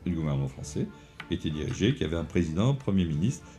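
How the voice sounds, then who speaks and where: An older man speaks in interview testimony. The voice is fairly low and very mellow, and music plays behind it. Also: big pitch swings, fast talker. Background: faint music.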